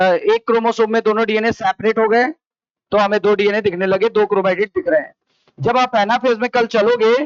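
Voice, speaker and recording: A man with an Indian accent teaches a biology class in a high voice, asking each question several times. The sound is dry and a little dull, as from a plain classroom mic. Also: smooth, dry recording. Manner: repetitive question-and-answer drilling. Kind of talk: classroom lecture. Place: coaching classroom.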